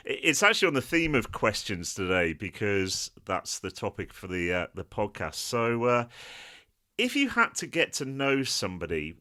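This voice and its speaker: A man's voice: low voice, bright, forceful tone. A man hosting a podcast over a video call, talking in a friendly, casual way with lots of "uh" fillers. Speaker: podcast host.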